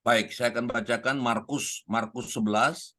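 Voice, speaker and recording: A man reading a Bible passage aloud slowly and in a measured way during a morning prayer service. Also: medium pitch, steady tone, pushed and bright. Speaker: scripture reader.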